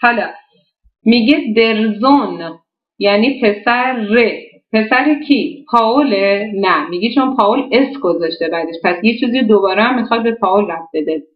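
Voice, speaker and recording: A woman's voice: medium pitch, few pauses, reverberant, dull audio. Woman teaching German grammar step by step. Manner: explains step by step, often asks and answers her own questions. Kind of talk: explaining a language exercise.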